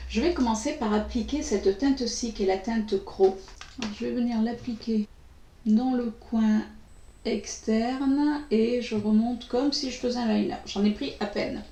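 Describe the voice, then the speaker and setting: Slow-talking woman, echoey room. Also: a little high, mellow. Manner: slow, hesitant, many pauses and fillers. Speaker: beauty vlogger. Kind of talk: makeup tutorial talk.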